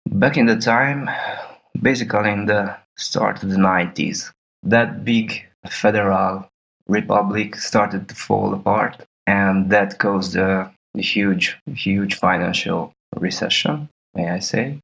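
Slow, gravelly-voiced man in his thirties. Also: on the low side, a bit bright, rough recording. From Serbia. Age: 30s. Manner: slow, measured storytelling with small laughs. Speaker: guest. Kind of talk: podcast interview.

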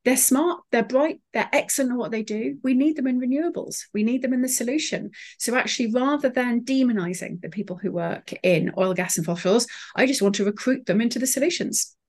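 A woman's voice: on the high side, a little fast, few pauses. A woman speaking as an interview guest, articulate, with frequent fillers and restarts. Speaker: sustainability consultant, guest. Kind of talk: interview conversation.

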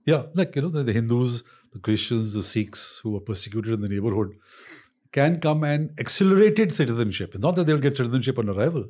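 An older man with a North Indian accent and a husky voice, explaining conversationally and emphatically, repeating points and slipping into Hindi phrases. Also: medium pitch, lively intonation, a little fast, a little mellow. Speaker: interview guest, author on history.

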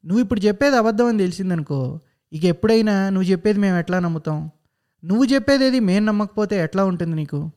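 A man's voice: high-pitched, expressive, quick pace, a little mellow, clear, resonant tone. Man playing a stern lecturing father. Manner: lecturing, reasoning. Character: stern but patient father lecturing his son.

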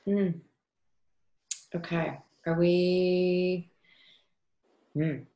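A woman hosting an interview over a video call, her audio cutting in and out on a faulty line as she speaks haltingly and apologizes. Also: lowish voice, level tone, warm tone, echoey room, muffled recording. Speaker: interview host.

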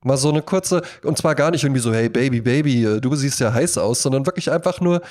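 A podcast co-host rambles through anecdotes in casual conversation, acting out little imagined quotes as he goes. His voice is mid-range, slightly mellow, and quick.

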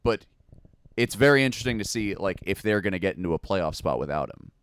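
A man's voice: low voice, fast, smooth. A man co-hosting a casual sports podcast, arguing his points with energy and the odd swear word. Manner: animated, argumentative, swears casually. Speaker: podcast co-host.

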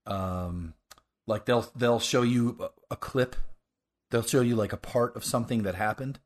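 A man hosting a casual podcast, talking about a show in a halting, enthusiastic way. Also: mid-range voice. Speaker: podcast host.

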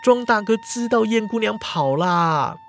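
A man's voice: high voice, lively intonation, measured pace, slight background noise, pitched above the performer's own voice. A man voicing a nervous young constable in a storytelling podcast, in a near-natural voice. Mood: anxious. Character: anxious young male constable.

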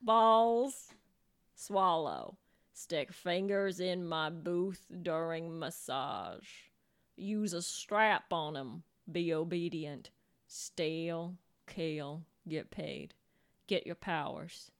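A woman voicing a text message in a put-on foreign accent, deadpan and clipped, as comic podcast banter. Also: fairly low pitch, smooth, pitched below the performer's own voice. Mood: deadpan commanding. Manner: slow, deadpan, clipped one-word commands. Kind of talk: comic podcast read-aloud.

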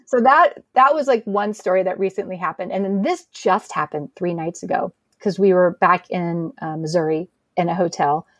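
Brief: middle-aged woman, lively storyteller, dry close sound. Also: on the low side, normal speed, hardly any pauses, no echo. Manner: animated storyteller, acts out quotes. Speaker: podcast guest. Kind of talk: casual chat.

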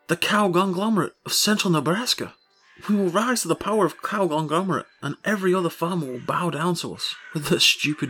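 A man playing a broke farmer husband in an audio story, excitable and rambling, full of grandiose schemes. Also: medium pitch, lightly acted.

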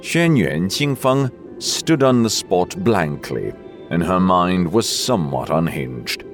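Over gentle background music, a man with a deep voice narrates a story slowly and expressively, his intonation lively throughout.

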